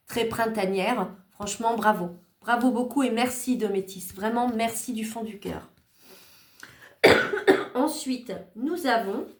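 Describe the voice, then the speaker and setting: A woman hosting a craft channel, casually showing cards she was sent and thanking each maker in a chatty, grateful way with small hesitations. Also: mid-range voice. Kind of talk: casual show-and-tell of cards. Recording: echoey room.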